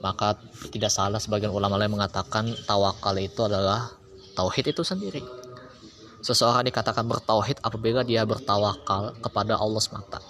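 A man preaching an Islamic lesson, explaining slowly with chatty asides. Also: on the low side, little pitch movement, a bit bright, a little hiss or hum. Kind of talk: casual sermon. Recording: music behind. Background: music.

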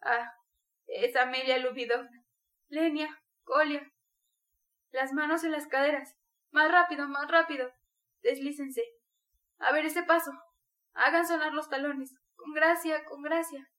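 A woman's voice: high-pitched, steady tone, measured pace, pauses often, sharp tone. A woman voicing a feverish dying mother. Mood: delirious. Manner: feverish, breaking between pleading and rage. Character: dying delirious mother, feverish, proud, desperate.

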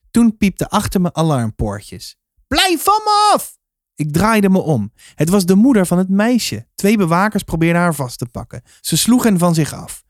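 A man reading a children's novel aloud in a calm, measured storytelling manner. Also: on the high side, no echo, studio quality. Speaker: reader.

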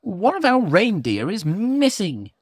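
A man's voice: sits high, huge pitch swings, unhurried, breathy edge, no room sound, voice pushed up, heavily acted. A man voicing a fussy little old male elf in a bedtime story. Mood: hesitant.

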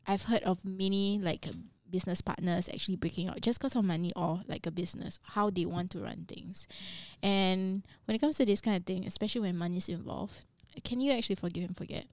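A woman co-hosting a casual chat who laughs often and reacts quickly. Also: medium pitch, darkish tone, no echo. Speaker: podcast co-host.

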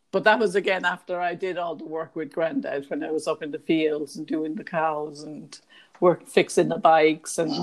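Casual, chatty Irish woman, west of Ireland Kerry accent, lowish voice, reminiscing as an interviewee. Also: creaky. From County Kerry, Ireland. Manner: chatty, frequently breaking into laughter.

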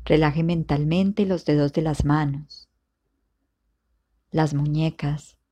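Guiding a meditation, a female instructor speaks low and offers soothing, unhurried instructions, leaving long silences between them.

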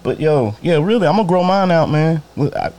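A man rants casually on a livestream, blunt and full of profanity. His voice sits a little high and swings widely in pitch as he moves from exasperated outbursts to muttered asides. He speaks straight to his viewers and greets them as he goes. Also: expressive, normal speed. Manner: profane, blunt, talks to viewers directly, swings between loud and low. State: bothered by allergies. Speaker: barber livestreaming to followers.

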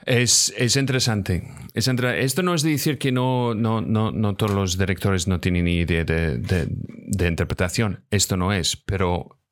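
A man co-hosting a live stream about acting, answering viewer comments in a halting way with frequent "sabes?" fillers and slightly non-native phrasing. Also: on the low side. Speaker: co-host and voice actor.

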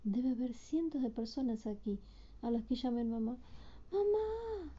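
A woman's voice: on the high side, steady tone, normal speed, warm tone, slight background noise. A woman casually retelling a storybook and doing voices for the characters, on a dull lo-fi recording.

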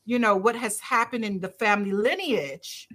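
A middle-aged woman from Barbados who is a doctor talks as a podcast guest at normal speed, her mid-range voice a bit bright. She comes across earnest and emphatic in the conversational interview, returning again and again to her key phrases.

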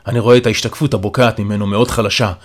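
A man's voice: lowish voice, level tone. Man reading a first-person story. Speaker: audiobook narrator.

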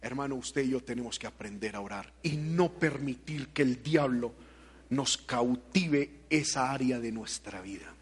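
In an impassioned evangelical sermon, a man alternates between loud, shouted exhortation and quieter speech, hammering his points home with rhetorical questions. His voice sits in the mid-range, slightly rough, and moves at a measured pace.

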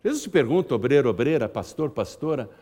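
A man's voice: medium pitch, sing-song, fast talker, dark tone. A man preaching a sermon, firing rhetorical questions at the congregation. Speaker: pastor. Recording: long hall reverb.

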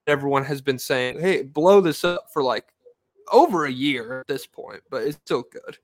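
A podcast co-host chats loosely about basketball in a medium-pitched voice at a moderate pace, using lots of fillers and the odd swear word. The studio recording is clean, with no echo.

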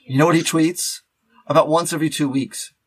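His voice sits fairly high, with a steady, fairly bright tone and a breathy edge. As a podcast co-host in relaxed, unplanned chat, he rambles and halts, repeating words and restarting as he goes.

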